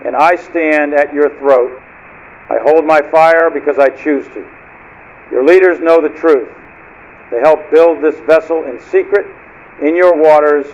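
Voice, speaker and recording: An actor playing a cold, menacing male rogue submarine commander who speaks in a measured, declamatory way over marine radio. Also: on the high side, a little mellow, muffled recording.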